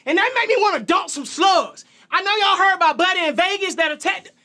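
A man with a Southern US country accent performing aggressive battle rap, shouting his bars at a live event. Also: very high voice, a little fast. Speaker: battle rapper.

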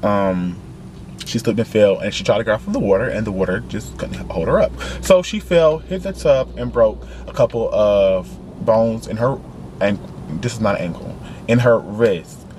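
Excitable young man vlogging from his car. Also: fairly low pitch, normal speed. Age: young adult. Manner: animated, excitable, swears freely, talks straight to viewers. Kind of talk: casual vlog while driving. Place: in a car driving around town. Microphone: handheld compact camera. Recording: camera audio with clear car noise. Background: car and street noise.

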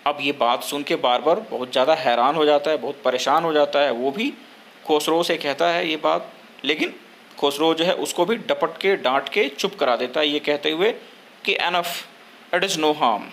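A young man, explaining a story line by line in a lesson, pausing often with fillers. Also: on the high side, a bit bright, a little hiss or hum. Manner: slow, hesitant explaining with frequent filler pauses. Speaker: teacher.

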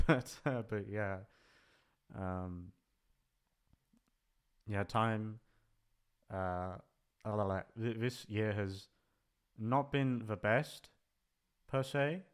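In a casual farewell vlog with no script, a male voice actor and audio channel creator speaks on the low side, drawing out his words and pausing often. His tone is clean, and his rambling, hesitant talk is self-deprecating, like he's thinking aloud.

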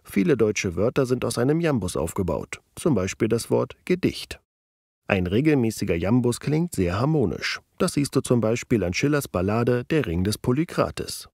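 A man narrating a scripted educational video, explaining clearly and deliberately. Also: medium pitch, sing-song, darkish tone, no echo, clean studio sound. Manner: clear, deliberate explaining, slowing down to read verse with stressed syllables.

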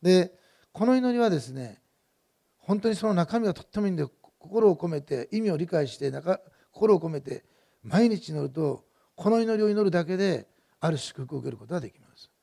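Male pastor, middle-aged, quick sermon delivery, gravelly voice, chatty and rambling. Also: sits high, expressive, mellow. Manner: conversational and digressive, with many fillers and personal anecdotes.

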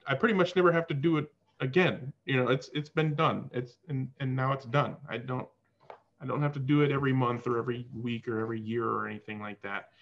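A man hosting a casual video call chat, explaining things at length in a relaxed way from a room at home. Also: mid-range voice, a little fast, vocal fry, highs cut off. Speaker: host.

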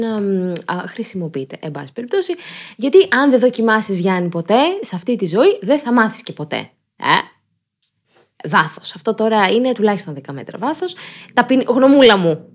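A woman's voice: medium pitch, husky. A woman hosting a podcast in a casual, chatty way with joking, ironic asides. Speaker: podcast host. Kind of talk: casual chat.

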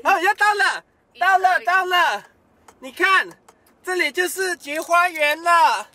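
A young man with a Malaysian accent playing a childish, excitable boy sidekick in a children's show parody, eager and exclamatory. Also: very high-pitched, slow, full character voice. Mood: excited. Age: young adult. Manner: eager, exclamatory, echoes his companion. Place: outdoors and in a car. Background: loud music.

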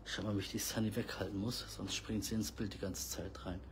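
A man with a fairly low voice chats fondly to his viewers and the kittens on his balcony, now and then scolding a rowdy one. He is recorded on a handheld phone outdoors. Clear outdoor noise runs under his voice throughout. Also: steady tone, a little fast. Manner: fond, chatty, talks baby-talk to kittens and scolds them. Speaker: cat rescuer filming his balcony cats. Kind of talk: casual vlog talk to viewers and cats.

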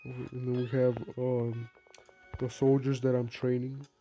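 A man's voice: medium pitch, completely flat delivery, a little slow, mellow, soft background music. A young man who is sick, casually narrating his game in a rambling, playful, self-mocking way. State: sick, coughing. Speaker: gaming vlogger. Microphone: phone screen recording.

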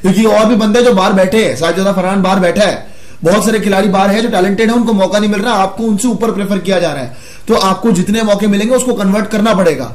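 A man with a high voice co-hosts a casual cricket chat. He argues his analysis earnestly. The room around him is echoey. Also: quick pace. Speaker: cricket show co-host.

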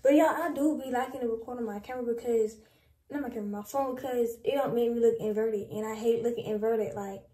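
A chatty young woman talks straight to her viewers, playful and slangy, her voice sitting a little high. She is filmed on a phone or camera propped at arm's length in a small bedroom, and the room gives back a noticeable echo. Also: fast talker, warm tone, far from the mic. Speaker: vlogger. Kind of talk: casual vlog chat.

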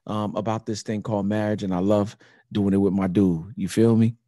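A man co-hosting a podcast in casual chat, relaxed and slangy, often dropping "you know what I'm saying.". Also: fairly low pitch, brisk, no echo, clean studio sound. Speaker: podcast co-host.

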